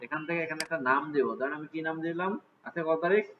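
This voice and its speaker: Teacher with tinny lo-fi sound. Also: male voice, a little high, racing, a crowd in the background. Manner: casual, asks students frequent check questions. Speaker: computer class teacher. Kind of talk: live class walkthrough. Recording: tinny phone-like audio with faint hiss.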